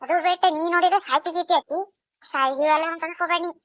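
A woman's voice: extremely high pitch, steady tone, rapid-fire, no echo, studio quality. A woman voicing a caring, bold village neighbor woman in a cartoon, with a North Karnataka Kannada accent. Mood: urging. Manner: consoling, rousing. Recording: dull lo-fi recording.

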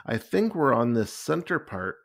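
A man's voice: mid-range voice, sing-song, normal speed, gravelly. A man reading as a thoughtful young schoolboy. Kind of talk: storybook read-aloud.

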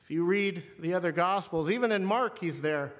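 A man's voice: high-pitched, normal speed. A man preaching a sermon, retelling a scripture story in an earnest storytelling manner. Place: seminary chapel. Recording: long hall reverb.

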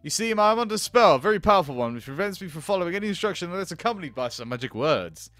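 Haughty female cat, condescending and formal; male performer. High, lively, dry close sound. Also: rapid-fire, no echo. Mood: prim. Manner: prim, condescending, overly formal. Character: snooty posh female cat, haughty and demanding.

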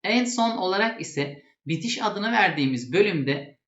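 Casting: male lesson presenter, high-pitched voice, didactic and plain, echoey room. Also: animated, normal speed, fairly bright tone. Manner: didactic, restating terms plainly. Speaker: presenter explaining traditional theatre. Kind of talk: explanatory lesson. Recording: echoey, dull lo-fi sound.

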